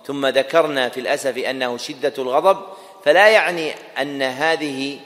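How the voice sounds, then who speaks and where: A man teaching a class on creed, repeating each key term slowly as if for dictation and putting questions to his students. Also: medium pitch, fairly bright tone, long reverb tail. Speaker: Islamic scholar teaching a class.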